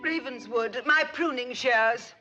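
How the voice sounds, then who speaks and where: An actress playing a fussy, formal wealthy society matron who speaks in a prim, dramatic way. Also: female voice, on the high side, takes it slowly, highs cut off, over music. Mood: imperious.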